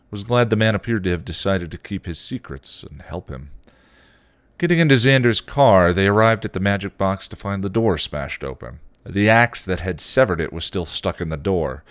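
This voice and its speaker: Deep-voiced man narrating a story. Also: no room sound. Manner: expressive, occasional slips. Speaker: podcast host reading fan fiction. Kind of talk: read-aloud story narration.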